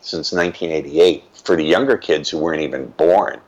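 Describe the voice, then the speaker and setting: An older man appears as an interview guest, recounting stories from his life in a reflective, emphatic manner. He has a bass voice and speaks fairly quickly.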